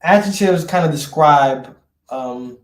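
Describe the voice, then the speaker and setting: A man's voice: on the high side, slow. A man teaching a casual classroom lesson in a conversational way, often asking rhetorical questions. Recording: roomy echo.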